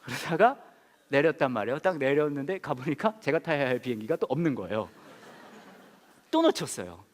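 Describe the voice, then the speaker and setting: A man preaching a sermon in an animated, comic storytelling way, full of fillers. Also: mid-range voice, fairly quick, long reverb tail. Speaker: pastor.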